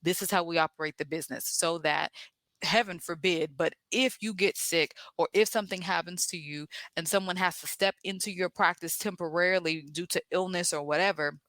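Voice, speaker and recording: A woman with a Southern US accent hosting a solo podcast, coaching therapists in a direct, energetic way with rhetorical questions. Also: on the low side, a little fast, no room sound.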